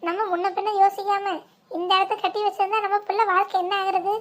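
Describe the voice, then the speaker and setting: A woman's voice: very high-pitched, level tone, fast, fairly bright tone. A woman acting a fretful village mother and her chatty relatives in a comic family skit, with dramatic gossiping talk.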